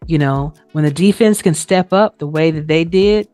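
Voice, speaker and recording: With a deep, mellow voice at a moderate pace, a woman recaps the action casually on the sports league show she co-hosts and also plays for. Her wording is colloquial, often trailing into "you know." Echo fills the room, and music runs in the background.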